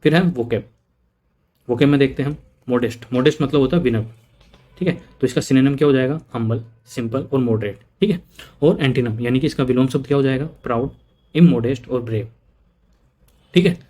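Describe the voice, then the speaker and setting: A man's voice: medium pitch, brisk, pauses often, mellow. A man teaching an exam prep lesson, repeating word lists and checking in with "okay" often. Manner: repeats points with frequent "ठीक है" checks; mixes English terms into Hindi explanation.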